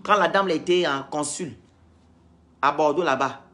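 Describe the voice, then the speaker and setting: A woman's voice: deep voice, normal speed, a bit bright, slight background noise. A woman from Gabon, scolding and lecturing her viewers in a heated, repetitive live-stream rant.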